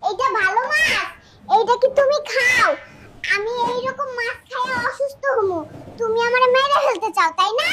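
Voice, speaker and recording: A high cartoon voice doing a whiny wife. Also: moderate pace. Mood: indignant. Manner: whiny, sulky, dramatic. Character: fussy wife who wants only hilsa fish. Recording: loud background noise.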